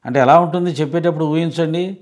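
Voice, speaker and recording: A man's voice: fairly high pitch, fast, a little mellow. A man giving a devotional scripture discourse as a satsang speaker, earnest and explanatory, often asking rhetorical questions.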